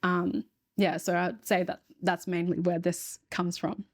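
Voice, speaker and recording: Young aussie woman being interviewed, lowish voice, pretty flat delivery, thoughtful and measured. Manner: reflective, measured storytelling. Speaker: interview guest. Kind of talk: casual interview.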